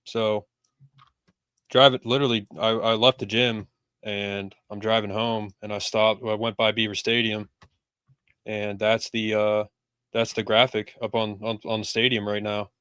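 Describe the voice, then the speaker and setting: Laid-back podcast host, low dry voice. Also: male voice, little pitch movement, unhurried, a bit bright, clear, resonant tone, no room sound. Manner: rambling, loose, lots of fillers. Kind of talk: casual sports talk.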